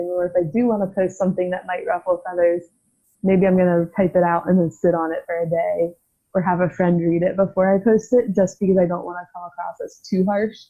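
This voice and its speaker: A woman's voice: fairly low pitch, warm tone. Young woman guest, frank and reflective, laughs easily; narrow phone-like sound. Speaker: podcast guest, physical therapy student. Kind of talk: casual conversation. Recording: tinny phone-like line.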